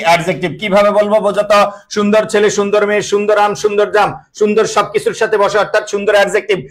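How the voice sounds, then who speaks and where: A man's voice: high voice, rough recording. A young male teacher, giving an online class. He keeps asking his students questions and answering them himself, and he mixes English words into his speech.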